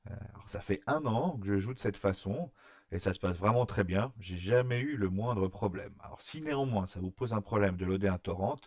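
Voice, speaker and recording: A man talking through a screen-recorded software tutorial, hesitant, with many fillers and restarts. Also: on the low side, brisk, no echo, highs cut off. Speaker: tutorial maker.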